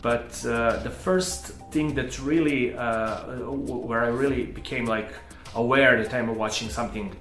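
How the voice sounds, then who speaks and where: A man tells a personal story in a halting, rambling way, often restarting his sentences. His voice sits at an ordinary pitch for a man. He records in an echoey room with faint music underneath. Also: a bit bright. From Serbia. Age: 30s. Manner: hesitant, rambling with many restarts. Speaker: channel host.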